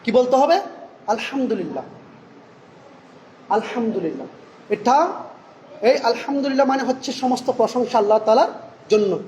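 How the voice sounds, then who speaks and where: High-voiced man preaching in an echoey hall. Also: a little mellow. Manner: rhetorical questions answered by himself; slow, careful recitation of Arabic phrases. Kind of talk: Friday sermon. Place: mosque. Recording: echoey hall reverb, faint room noise.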